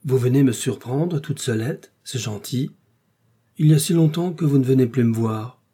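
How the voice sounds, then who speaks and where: A man voicing a lively old countess. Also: mid-range voice, normal speed, breathy edge, lightly acted. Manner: exclamatory, teasing. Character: elderly countess, lively, outspoken dowager.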